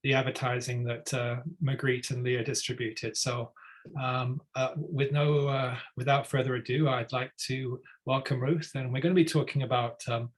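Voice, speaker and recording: A man introducing a guest speaker in an online talk, speaking haltingly with many fillers and restarts. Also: mid-range voice, level tone, poor audio.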